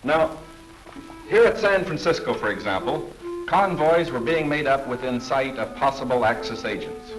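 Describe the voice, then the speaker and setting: A man giving formal, measured 1940s government newsreel narration. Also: mid-range voice, expressive, low-quality recording. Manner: formal, measured, authoritative delivery. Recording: narration over clear background music.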